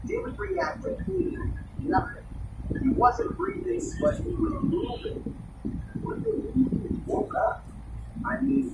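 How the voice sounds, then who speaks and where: A woman's voice: extremely high pitch, exaggerated voice. A woman playing a shaken veteran police detective in a radio drama, reporting in clipped, urgent short sentences. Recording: noisy, echoey, distant radio call.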